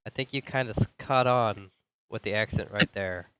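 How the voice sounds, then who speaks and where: A firefighter from Colorado chatting thoughtfully at an online book club, pausing with fillers. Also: male voice, fairly low pitch, a bit bright, clear, resonant tone. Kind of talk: casual book club chat.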